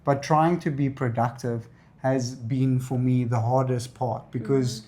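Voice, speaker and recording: A man from South Africa with a clear Afrikaans accent talks casually in a Q&A. He is a native Afrikaans speaker, with an average-pitched voice. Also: steady tone, a little slow, mellow. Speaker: content creator. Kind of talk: casual Q&A chat.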